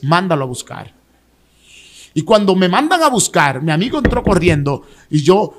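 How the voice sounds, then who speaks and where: A male pastor, giving an emotional personal testimony in dramatic storytelling style. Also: on the high side. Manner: dramatic storytelling, voicing others in quotes.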